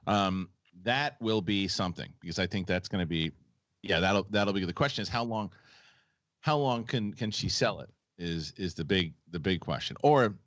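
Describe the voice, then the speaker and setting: A man's voice: deep voice, lively intonation, moderate pace, fairly bright tone, dry recording. A man hosting a casual live stream, explaining things and often repeating his phrases. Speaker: live show host.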